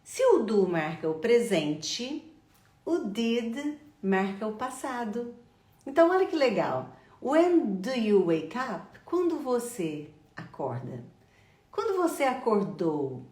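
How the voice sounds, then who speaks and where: A middle-aged woman teaching an online English lesson, repeating phrases slowly for her students. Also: on the high side, big pitch swings, a little mellow. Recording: echoey room.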